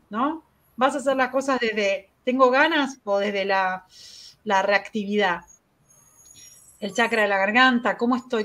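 A woman with a Rioplatense Spanish accent hosting a live-stream talk on spiritual growth. She talks fast and laughs at herself. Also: medium pitch, fairly bright tone. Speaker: host.

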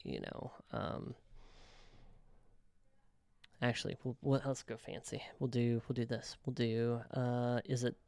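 A man casually talking through a software tutorial, thinking aloud with frequent ums and self-corrections. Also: mid-range voice, level tone, unhurried, creaky, long pauses, clean tone, no room sound. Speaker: web developer tutorial host. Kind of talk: casual screen-recorded software walkthrough.

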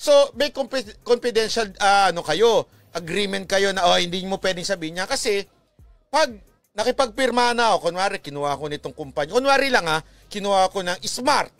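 Filipino guy ranting casual, high lively voice, laughs a lot, some faint music. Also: normal speed, dry recording. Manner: chatty, laughing, teasing asides, mixing Tagalog and English. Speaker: vlogger commentator. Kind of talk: casual commentary.

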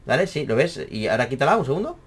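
A young man with a Spain Spanish accent, casually explaining a camera problem in an animated, exaggerated way, full of fillers and swearing. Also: medium pitch, racing, slight background noise. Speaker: math teacher and YouTuber. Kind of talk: casual rambling tech explainer.

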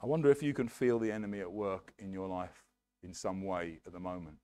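A middle-aged Englishman preaches a sermon at a lectern in a medium-sized indoor church hall, earnest and emphatic, gesturing with his hands and wearing a headset mic. His voice sits low and dark, with fairly even intonation and a slightly fast pace.

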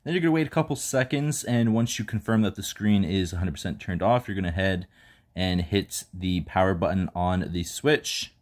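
A man hosting a casual tech tutorial, calmly walking viewers through each step while filming indoors on a handheld phone. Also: low-pitched, moderate pace. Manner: relaxed step-by-step instructions. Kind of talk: casual how-to walkthrough. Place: indoors, filming over a bed.

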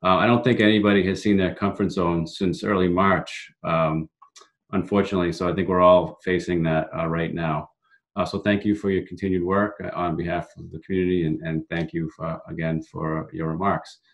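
A man's voice: low voice, level tone, a little fast. A man in his thirties hosting a video call interview from a home room, friendly and thankful with small hesitations. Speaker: town manager hosting a talk show. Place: home room with framed pictures. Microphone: laptop webcam video call.

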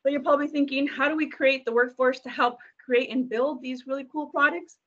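A woman from a company's community engagement team presenting slides on a video call, filling pauses with many ums and uhs. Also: sits high, steady tone, a bit bright. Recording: dull lo-fi video call audio.

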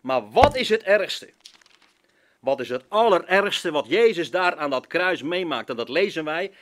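Pastor from preaching, slow and lively, hits every word hard. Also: male voice, fairly high pitch. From Zeeland, Netherlands. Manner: switches between Dutch, English and French, emphatic preaching. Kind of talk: sermon.

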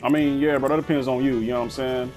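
A man's voice: mid-range voice, fairly even intonation, fast talker, a little mellow, faint music behind. Rambling slangy young man gaming. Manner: rambling, slangy, keeps saying bro. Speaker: gaming video host. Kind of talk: casual let's-play commentary.

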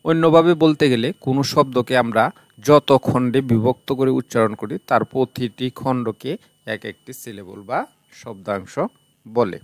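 A man with a Bangladeshi accent teaching an online English lesson, explaining slowly and repeating terms. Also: medium pitch, no echo. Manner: explains slowly, repeats terms in two languages, breaks words into syllables.

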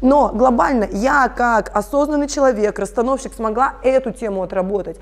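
A brisk, fairly high-pitched woman in her thirties discusses her family constellations practice during a conversational interview. She explains earnestly and turns directly to the listeners.

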